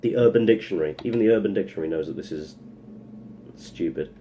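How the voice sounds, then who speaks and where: A young man vlogging a casual opinion piece in a lowish, mellow voice. He rambles and goes off on sarcastic tangents, then cuts himself short and drags the point back. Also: fast. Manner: rambling, sarcastic, full of self-interrupting asides.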